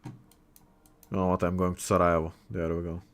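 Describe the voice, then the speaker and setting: A young Bulgarian man whose first language is Bulgarian hosts a casual livestream, chatting, joking, and reading viewers' messages aloud as he reacts. His deep voice is monotone and a little fast.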